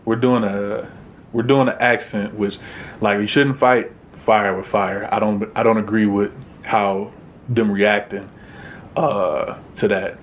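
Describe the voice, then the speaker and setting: A man's voice: on the low side, steady tone, takes it slowly, slight background noise. A man co-hosting a podcast in casual chat, blunt and emphatic, swearing freely. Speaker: podcast co-host.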